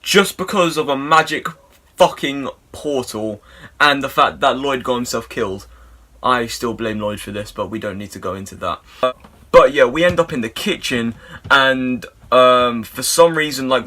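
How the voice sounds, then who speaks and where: A young man, rambling through an absurd comic story with lots of swearing and deadpan asides. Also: medium pitch, normal speed.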